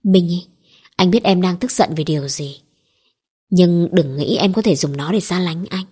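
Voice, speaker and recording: A woman reading as a cold, domineering young husband in a spoken storybook, low-pitched and husky. He talks calmly and commandingly, every line pressing his will on his wife. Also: normal speed.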